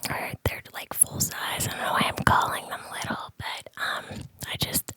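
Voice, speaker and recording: A woman from the San Francisco Bay Area whispers a rambling ASMR chat in a soft, breathy voice, close on the microphone, hesitating and circling back as she goes. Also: normal speed. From San Francisco Bay Area, United States. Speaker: ASMR host. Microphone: close ear-to-ear ASMR microphone.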